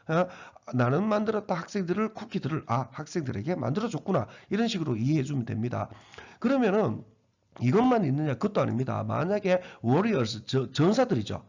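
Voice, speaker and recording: A man's voice: fairly high pitch, big pitch swings, brisk, gravelly, darkish tone, husky. A man teaching English grammar, explaining each sentence step by step and repeating phrases as he goes. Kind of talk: grammar lecture. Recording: dull lo-fi recording.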